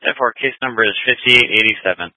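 A man's voice: medium pitch, fast, no echo. A man working as a police dispatcher, heard over police radio and speaking in clipped radio codes. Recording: tinny dry radio transmission.

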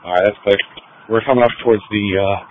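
A man's voice: fairly low pitch, steady tone, quick pace. A man's voice comes through a police radio, muffled and a little dull, with a faint hiss of static underneath. He is a dog handler on foot, reporting what he sees in short, practical phrases. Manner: terse, practical field reports. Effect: police radio transmission. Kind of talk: radio traffic while tracking on foot.

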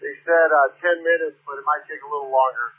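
A fire rescue crew member speaking haltingly over an emergency radio transmission. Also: male voice, on the high side, fairly even intonation, slightly rough. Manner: halting, with frequent pauses. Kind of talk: radio traffic. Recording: tinny radio band.

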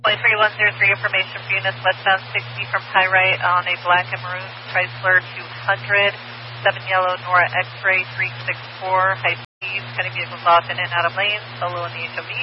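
A man's voice: high-pitched, completely flat delivery, fairly quick. A man working as a police dispatcher, talking over a walkie talkie in a clipped, businesslike way, reading out codes and plates. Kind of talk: radio dispatch call. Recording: muffled, static-filled radio transmission.

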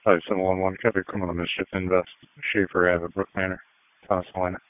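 A man's voice: sits low, flat delivery, quick pace, no room sound. A man on police radio calling out unit numbers and addresses in clipped, terse dispatch talk. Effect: police radio transmission. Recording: tinny narrowband radio audio.

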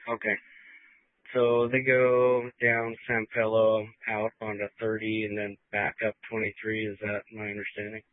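A man's voice: lowish voice, completely flat delivery, normal speed, no echo. A man talking over a walkie talkie, coordinating units in terse radio language with dry humor. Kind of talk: radio traffic. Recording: tinny, dry two-way radio.

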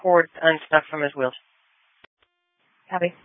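A man's voice: a little high, a little slow, no echo. A man working as a police dispatcher, reading clipped call signs and addresses over a police radio channel. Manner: clipped, flat call-sign delivery. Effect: police radio transmission. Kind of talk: terse radio dispatch calls. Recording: dry, dull lo-fi police radio.

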